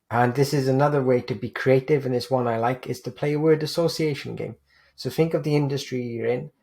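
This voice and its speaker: A man's voice: fairly low pitch, darkish tone. A man presenting a screen-share tutorial on digital PR, walking through examples on screen in an explanatory way. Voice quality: gravelly, husky.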